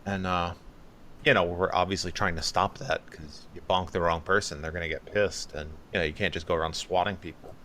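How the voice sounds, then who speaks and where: A man's voice: deep voice, fairly even intonation, a little fast, sharp tone, a little hiss or hum. A man in his thirties, a podcast co-host telling stories in casual chat and acting out other people's voices.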